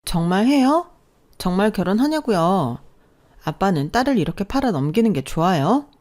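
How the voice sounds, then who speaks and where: Brief: woman playing a catty young sister-in-law in a radio story, high-pitched, loud, sneering. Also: expressive, a little fast, lightly acted. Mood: defiant. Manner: mocking, needling.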